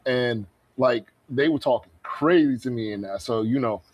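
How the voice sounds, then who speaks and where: A man co-hosting a sports talk show, chatting casually and excitedly with lots of fillers. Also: medium pitch, moderate pace, muffled recording, a little hiss or hum. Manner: animated, laughs often, many fillers. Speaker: podcast co-host.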